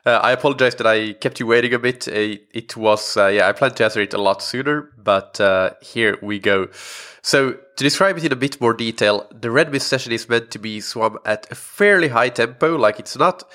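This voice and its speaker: In a mid-range voice at normal speed, bright and forceful, a young man hosts a casual solo podcast. He is congested from a recent illness, and his talk is full of fillers and restarts.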